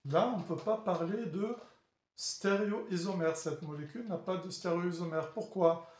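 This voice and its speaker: A man teaching chemistry in a classroom lecture, talking haltingly with many fillers and restarts and often checking that the class follows. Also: sits high, a little mellow. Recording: echoey room.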